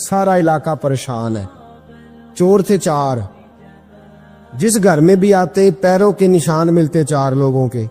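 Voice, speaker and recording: Male preacher, fairly high voice, dramatic storytelling delivery, long reverb, faint music behind. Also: dark tone. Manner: dramatic, pitch rising high at emotional peaks, breaks into sung verse. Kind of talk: emotional storytelling sermon.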